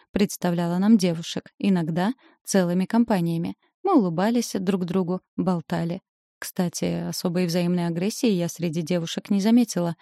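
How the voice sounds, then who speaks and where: A woman reads a first-person fantasy audiobook in an even, storytelling manner. Her voice is low and warm. The recording is dry and close. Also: dry recording. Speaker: audiobook narrator. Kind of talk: scripted narration of a fantasy novel.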